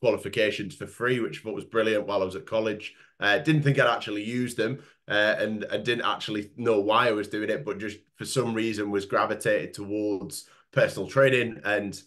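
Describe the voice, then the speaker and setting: Congested nasal man, low voice. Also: steady tone, a little fast, few pauses, fairly bright tone. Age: late 20s. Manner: rambling, many fillers and restarts. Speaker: nutritionist guest. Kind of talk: webinar talk.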